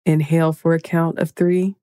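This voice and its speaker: A woman leading a guided meditation in a slow, soothing, hushed manner, counting breaths and counting down. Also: low voice, level tone, no echo, studio quality.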